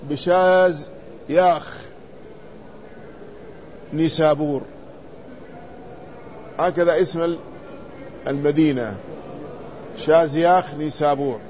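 A man with a somewhat high voice gives a traditional lesson. He reads a text aloud, stops to explain it, and asks his listeners questions. The recording is dull and lo-fi, with a faint hiss behind him. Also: a little mellow. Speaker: teacher reading and explaining a classical text.

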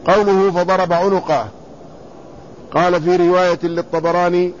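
A man teaching a lesson in classical Arabic, reading quoted commentary and then explaining it, repeating words slowly to spell out their vowels. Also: sits high, level tone. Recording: slightly dull lo-fi recording with faint room noise.

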